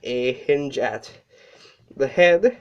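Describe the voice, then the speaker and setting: Speaking very slowly with an animated, medium-pitched voice, a toy reviewer chats casually through a hands-on review. They sound sick and slightly winded, using fillers and correcting themselves, and the recording is dull and lo-fi.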